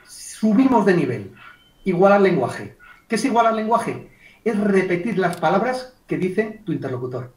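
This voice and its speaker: Male trainer, high voice, lively and demonstrative, recorded from afar. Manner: lively, acts out client dialogues, addresses chat participants by name. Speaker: communication trainer. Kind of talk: online workshop talk. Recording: echoey room, distant mic.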